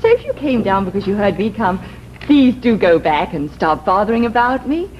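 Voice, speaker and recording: On a muffled, slightly noisy 1950s television soundtrack, an actress plays a flippant young woman. She speaks in an airy, mocking way, her pitch moving freely, in period drama style. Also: sing-song, normal speed, lightly acted. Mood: airy, evasive. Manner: airy, arch, theatrical.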